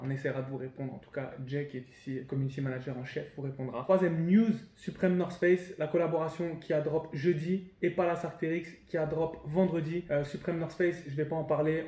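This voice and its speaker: A young man with hosting a casual comic news chat, joking and quick with asides. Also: on the high side, warm tone, echoey room. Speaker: show host.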